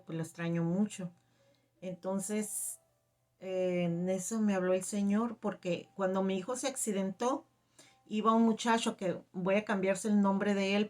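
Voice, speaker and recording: A middle-aged woman telling a personal faith testimony, halting and emotional, with many fillers. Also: lowish voice. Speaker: testimony giver.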